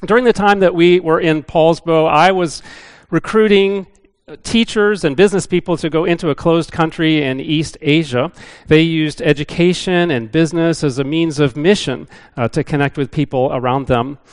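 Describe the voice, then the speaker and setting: Middle-aged male missionary, slightly high voice, easygoing church talk with lots of "uh"s. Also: normal speed, clear, resonant tone. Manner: chatty and self-deprecating, with frequent "uh" fillers. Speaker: visiting missionary speaker. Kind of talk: casual church talk to a congregation. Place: church building.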